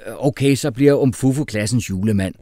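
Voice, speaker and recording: A man voicing an exasperated male schoolteacher who shouts and gets flustered. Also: medium pitch, no echo, studio quality, pitched above the performer's own voice, close to an everyday voice.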